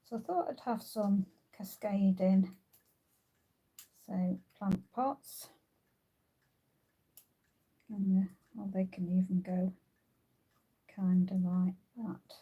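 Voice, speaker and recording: A woman's voice: medium pitch, slow, pauses often, slightly rough, muffled recording. A woman hosting a craft tutorial, thinking aloud as she works, with frequent ums and uhs. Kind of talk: casual crafting demonstration.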